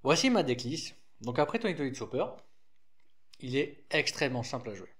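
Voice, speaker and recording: A man with a slight lisp talks through a trading card deck at an average pitch. His delivery is loose and conversational, full of fillers and self-corrections as he explains. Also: very animated, moderate pace, fairly bright tone. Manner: rambling, frequent restarts and fillers, informal. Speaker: card game deck presenter.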